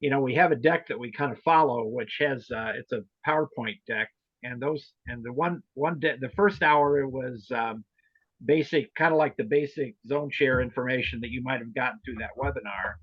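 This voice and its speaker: At a moderate pace and medium pitch, with a breathy edge, a man hosts an informal online video meeting and trains volunteer club officers. His explanations wander and hesitate, and the audio sounds roomy and muffled.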